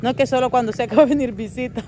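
A woman's voice: a little high, rapid-fire, background noise. Chatty older woman vlogging. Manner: chatty and homely, fond terms for viewers, searches aloud for words. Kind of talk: casual chat to camera. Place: rural yard and garden outdoors.

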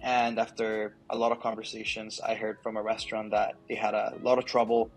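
A man's voice: on the low side, monotone, brisk, poor audio. A young man from Colombia, a startup founder, chatting in an interview over earbuds on a video call from an office. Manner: chatty, lots of likes and ums. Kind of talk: casual interview answers. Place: office with large window.

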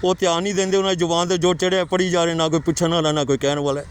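A man giving an earnest devotional lesson on correct scripture pronunciation, chanting verses slowly and correcting common mistakes. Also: a little high, little pitch movement, smooth. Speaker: Gurbani pronunciation teacher. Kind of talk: devotional teaching talk.

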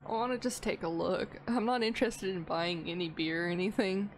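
A woman's voice: mid-range voice, fairly quick, slight background noise. A woman playing in a tabletop game, chatting in a laid-back, giggly way. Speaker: player. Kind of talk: casual tabletop game chat.

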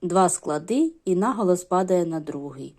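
A woman's voice: on the low side, lively intonation, moderate pace, a little mellow. A middle-aged woman teaching a lesson to young children, explaining patiently step by step. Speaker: primary school teacher.

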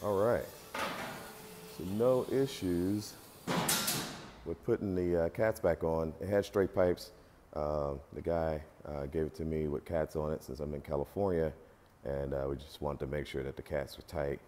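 A man casually narrating a car vlog, relaxed and full of fillers, filmed on a phone. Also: rumbling low, a little slow, noisy background. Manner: relaxed, filler-heavy talk. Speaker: car vlogger. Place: muffler shop, then inside a car.

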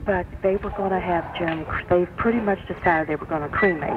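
Woman, chatty meandering storyteller, old worn answering-machine tape, thin phone sound with loud hiss. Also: on the low side, brisk. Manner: chatty, meandering, retells conversations in detail. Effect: played from an old worn cassette tape. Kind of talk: rambling personal storytelling on a message. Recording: tinny phone line, heavy tape hiss.

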